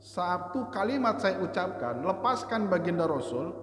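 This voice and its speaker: A man's voice: high-pitched, very animated, moderate pace, fairly bright tone, pitched above the performer's own voice. A bold, angry companion speaking with force, acted by a male preacher. Long reverb from a big mosque hall trails every phrase. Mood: forceful.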